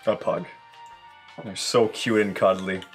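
A man's voice: low voice, fairly even intonation, unhurried, faint music behind. A young man co-hosting a casual beer review at a home bar, joking and laughing often. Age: young adult. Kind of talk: casual chat.

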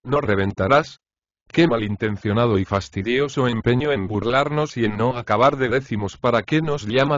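A man voicing a gruff, complaining old male chorus leader in an audiobook of a comic play. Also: mid-range voice, a bit bright, no room sound, highs cut off, natural voice.

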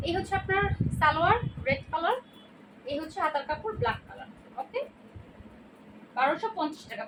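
High-voiced Bangladeshi woman selling dresses. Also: fairly bright tone. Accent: Bangladeshi Bengali. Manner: chatty, repeats prices and colors. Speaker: online clothing seller. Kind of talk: casual product showcase. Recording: distant mic with noisy background.

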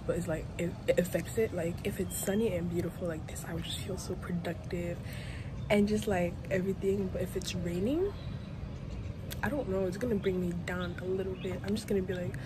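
A teenage girl vlogs casually from her bedroom, speaking into a phone camera at arm's length and rambling about her plans with plenty of "like." Her voice is medium in pitch, and there's noticeable background noise.

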